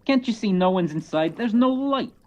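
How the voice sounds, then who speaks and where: A woman playing a gruff, sardonic male homicide sergeant with blunt, slangy talk in an old-style detective radio play. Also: mid-range voice, lively intonation, moderate pace, a little mellow, muffled recording, natural voice. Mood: grudging. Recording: video call recording.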